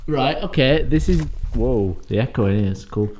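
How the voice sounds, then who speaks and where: A man talking casually as he explores, joking and excited, with a mid-pitched voice. He is inside an enclosed structure, so his words bounce back with a hollow echo. A faint background hiss sits behind him. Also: moderate pace. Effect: echoing inside an enclosed metal structure. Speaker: explorer vlogger. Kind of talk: casual chat while exploring. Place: inside an echoing enclosed structure at an abandoned military site.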